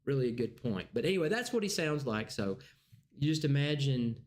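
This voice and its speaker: Halting man leading a church class. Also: medium pitch, big pitch swings. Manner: conversational, halting, many restarts. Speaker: Bible class teacher. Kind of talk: casual teaching.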